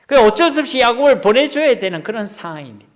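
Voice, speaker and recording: Very high-pitched, highly animated and fast-talking, a middle-aged pastor with a Gyeongsang Korean accent preaches an expository sermon in a church hall. He questions the congregation and at times lowers his voice almost to a whisper.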